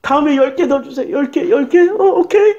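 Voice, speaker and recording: A man's voice: very high voice, animated, fairly quick, darkish tone, muffled recording, voice pushed up. A male preacher voicing a greedy churchgoer who haggles with God in prayer. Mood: gushing greedy. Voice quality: gushing, haggling. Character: greedy bargaining churchgoer man praying for riches.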